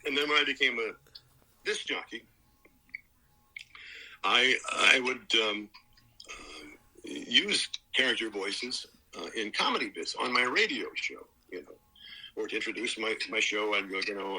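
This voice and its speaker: A man's voice: on the low side, expressive, measured pace, long pauses, pushed and bright, slightly rough, poor audio. An older man, a voice actor, chatting in an interview and telling stories, now and then slipping into character voices. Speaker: voice actor guest. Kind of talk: casual interview.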